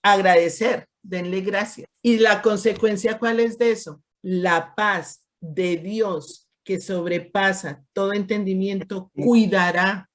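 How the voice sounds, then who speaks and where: A woman teaching scripture to a small group, in a voice pitched right in the middle. She talks it through casually, stacking rhetorical questions and slipping into the voices of people she quotes. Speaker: Bible study teacher. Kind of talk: conversational Bible teaching.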